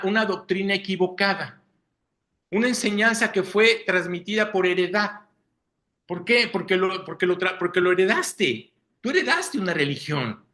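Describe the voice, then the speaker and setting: Bright high-voiced male preacher. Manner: asks listeners rhetorical questions, frequent "¿sí?". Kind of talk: sermon.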